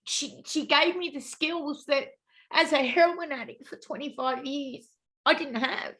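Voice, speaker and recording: A middle-aged woman speaks over a video call with a bright, forceful tone that sits a little high. She is tearful and halting, breaking off and restarting as she tells her own story in a webinar interview. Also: poor audio. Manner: halting and emotional, frequent restarts and fillers. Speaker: guest speaker with lived experience.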